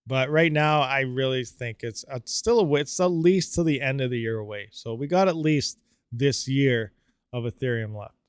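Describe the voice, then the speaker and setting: Here the same livestream host speaks at medium pitch and normal speed, his voice smooth despite a slightly dry throat. He chats and rambles with plenty of fillers, answering comments from viewers, captured in studio quality with no room sound.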